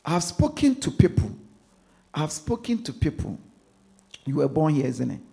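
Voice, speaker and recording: Ghanaian pastor guy preaching, kinda high voice, goes up and down a lot, repeats stuff, quiet then loud. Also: sing-song, moderate pace, vocal fry. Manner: preaching with repetition, swinging from hushed asides to loud emphasis. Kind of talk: sermon.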